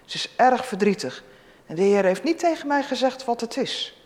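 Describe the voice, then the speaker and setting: A church reader voicing a calm, authoritative old prophet from a scripture story, speaking in measured commands. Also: mid-range voice, big-room sound, voice pushed up, natural voice. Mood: commanding.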